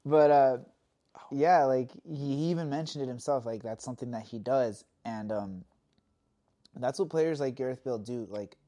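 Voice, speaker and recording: A young man chatting casually on a sports podcast, his voice mellow and dark in tone. He rambles, leans on "like" constantly and laughs easily, with his pitch sitting in the middle of the range. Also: moderate pace. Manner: rambling, heavy use of "like", laughs often. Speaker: podcast co-host.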